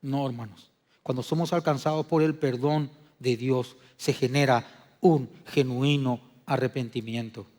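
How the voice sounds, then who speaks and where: A man preaching a sermon as pastor, dropping to a hushed, low delivery and then rising to loud, emphatic declarations. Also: steady tone, a little slow. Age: adult. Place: church sanctuary. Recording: long reverb of a church hall.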